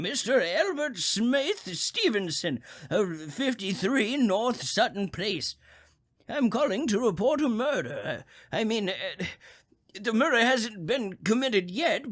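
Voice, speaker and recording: In old-time radio suspense style, an actor plays a crotchety, nervous old male invalid who stammers insistently on the telephone. His voice is medium-pitched and his mood flustered.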